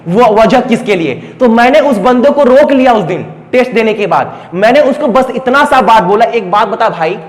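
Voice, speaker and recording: A man's voice: extremely high pitch, normal speed, hardly any pauses. A young male coaching teacher. He tells his story bluntly and with animation, repeating phrases for emphasis. The sound rings with a long reverb, as if the recording were made in a hall. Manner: blunt, animated retelling with repetitions. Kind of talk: storytelling motivational talk.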